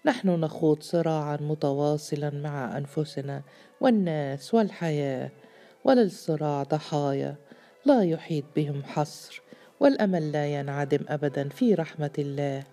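A woman's voice: low voice, moderate pace, dark tone. A woman voicing a frightened male police chief who pleads anxiously for mercy. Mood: pleading. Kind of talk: storybook reading.

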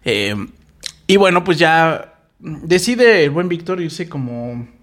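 Mexican man, casual storyteller, high and animated, profane and slangy. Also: takes it slowly. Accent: Mexican Spanish. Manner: slangy, profane, laughs often. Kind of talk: casual chat, retelling a story.

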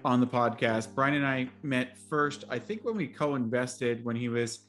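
A man hosting a podcast interview, talking quickly through technical jargon. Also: medium pitch, a bit bright, soft background music. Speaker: podcast host.

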